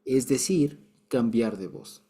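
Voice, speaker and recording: A man's voice: medium pitch, takes it slowly, mellow, breathy edge. A man teaching a casual Bible lesson, explaining patiently with restarts and light chuckles.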